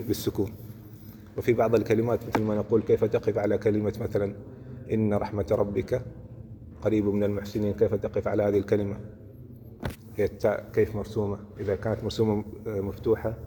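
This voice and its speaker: Guy teaching quran recitation, fast talker, lowish mellow voice, keeps checking in with the class, long hall echo. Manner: explanatory, checks in with listeners often. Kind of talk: religious lesson. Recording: hall reverb with faint noise.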